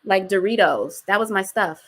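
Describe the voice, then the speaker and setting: A woman's voice: mid-range voice, moderate pace. Outspoken woman in her forties. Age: 40s. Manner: outspoken, slangy, swears freely. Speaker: guest. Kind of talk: casual interview chat.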